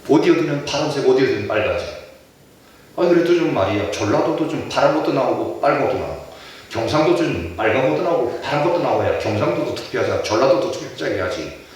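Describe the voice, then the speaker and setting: Middle-aged male pastor from Chungcheong, lively swinging delivery, heard from a distance in a very reverberant church. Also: mid-range voice, fast. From Chungcheong, Korea. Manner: animated, poses rhetorical questions to the congregation. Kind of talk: sermon. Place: church sanctuary. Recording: echoey church hall, distant mic.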